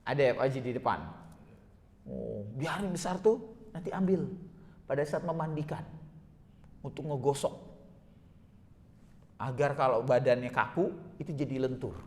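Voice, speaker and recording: A man's voice: mid-range voice, normal speed, pauses often, a little mellow, big-room sound. A man giving a religious lecture, telling vivid stories and constantly addressing his listeners as sir. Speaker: religious teacher.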